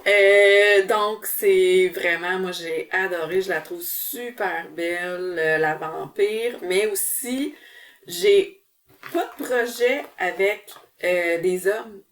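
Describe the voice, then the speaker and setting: A woman from Quebec, Canada, with a Québécois French accent hosts a casual cross-stitch show-and-tell vlog, chatty and full of fillers and restarts. Her voice is fairly low and slow, and she's far from the mic.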